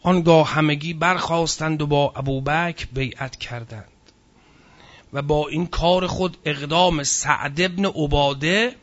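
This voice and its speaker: In a muffled recording, a man with a fairly high, sharp voice gives a lecture on religious history. He reads passages aloud from a book, then adds casual spoken asides.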